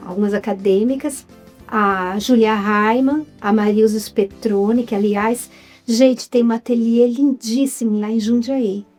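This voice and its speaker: Speaking in a mid-range, dark-toned voice, this guest is a writer and film producer with a Brazilian accent. She recounts her story cheerfully during a relaxed interview.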